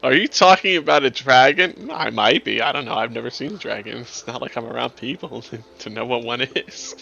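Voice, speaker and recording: A man's voice: mid-range voice, a little fast, creaky, sharp tone, dull audio. A man voicing a sarcastic old woman druid with a dry, mock-innocent manner.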